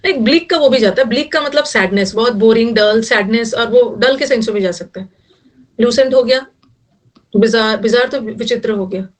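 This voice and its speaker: A woman's voice: on the high side, normal speed, recorded from a distance. Middle-aged woman teaching vocabulary, joking. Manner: mixes Hindi and English, jokey memory tricks. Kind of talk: online vocabulary class.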